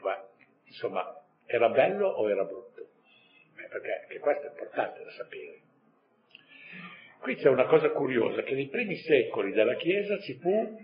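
A man's voice: mid-range voice, highs cut off. A man giving a catechism lesson in a conversational way, adding rhetorical asides and chuckling now and then. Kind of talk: catechesis talk.

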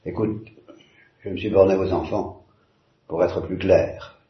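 A man's voice: deep voice, steady tone, measured pace. A man reading a novel aloud, voicing a bitter, tormented young man who swings from wry irony to anguished outbursts. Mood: anguished, ironic. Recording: roomy, slightly dull.

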